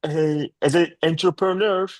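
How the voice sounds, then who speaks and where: A man, a startup founder answering a panel's questions on a video call, halting with many restarts. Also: a little high, fairly even intonation, no echo. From Turkey.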